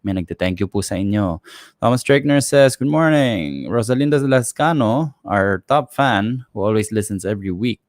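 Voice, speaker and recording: Chatty radio host, dry mic. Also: male voice, on the low side, lively intonation, moderate pace, no room sound. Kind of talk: radio talk, greeting listeners.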